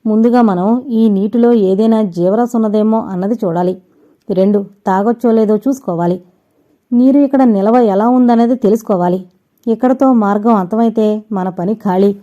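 A woman voicing a confident young man who leads his friends through a cave, giving calm, commanding instructions. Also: medium pitch, moderate pace, lo-fi sound, close to an everyday voice.

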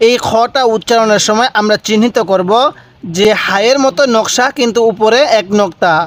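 Man, high voice, beginner reading lesson, slow repetition, prompts the listener to repeat. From Bangladesh. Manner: slow, repeats each letter and asks listeners to say it back. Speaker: Quran reading teacher. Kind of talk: step-by-step letter lesson.

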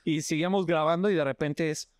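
A man with a Mexican accent, a guest actor telling animated stories in casual chat, full of slang and acting out other people. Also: on the high side, quick pace, no room sound, clean studio sound.

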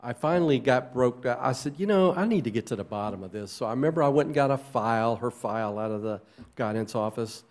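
A middle-aged man, a schoolteacher, giving a halting, heartfelt personal testimony at a church service. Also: medium pitch, lively intonation, a little mellow. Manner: halting and heartfelt, with fillers and restarts. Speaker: teacher sharing a testimony. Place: church sanctuary.

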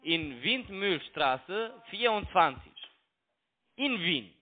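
Speaking slowly in a high, very animated voice, a young adult man argues with insistence and repetition during a scam phone call. His speech is broken and non-native, with a foreign accent, and German is not his first language. The audio is a tinny, narrow-band phone line.

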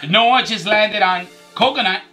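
Dad in his 30s hosting a game, super animated, playful and encouraging, music playing. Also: high voice, slow pace. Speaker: father hosting a family challenge. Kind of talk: casual chat, explaining and cheering on the game. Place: small indoor playroom, seated at a table.

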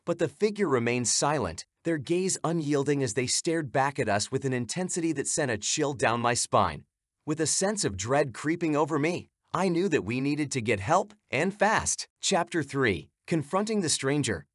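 A man's voice: on the high side, lively intonation, moderate pace, dry recording, studio quality. A man giving scripted, suspenseful narration of a horror story.

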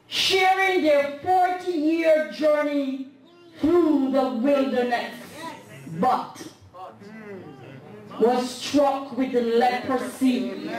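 Here a high-pitched, middle-aged woman from Canada guest-preaches to a women's convention with fervor, partly singing her phrases before breaking into shouts. The recording, taken from a distant camera in the sanctuary, sounds echoey, and she speaks into a handheld mic.

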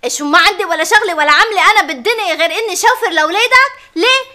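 An actress with a Lebanese accent playing a frazzled, overworked wife and mother in a sitcom, who complains indignantly in long rapid lists. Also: very high voice, sharp tone. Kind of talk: sitcom acting.

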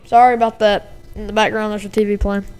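A woman delivers casual, agitated reaction commentary on a video from home, where a dog and a TV can be heard in the background. Her mid-range voice is flat, fast, smooth and a little mellow as she rambles with many fillers and repeats.

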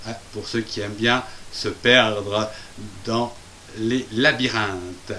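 A man's voice: fairly low pitch, steady tone, slow pace, pushed and bright, a little hiss or hum. A man presenting a children's reading lesson, spelling words out syllable by syllable with playful, chatty asides.

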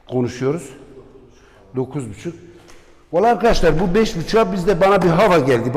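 A man's voice: mid-range voice, a little mellow. Rambling man with Aegean accent, echoey rooms. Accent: Aegean Turkish. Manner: rambling, joking asides to viewers. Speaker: real estate agent. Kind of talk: casual property tour vlog. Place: walking through a house and garden.

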